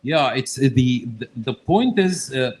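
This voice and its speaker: A man's voice: mid-range voice, lively intonation, measured pace, darkish tone, low-quality recording. A man from Egypt, a visiting entomologist, explaining his work in casual talk, often starting with "okay, so" and using phrasing. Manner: frequent "okay, so", non-native phrasing. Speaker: guest expert, entomologist. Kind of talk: casual talk at a discussion event.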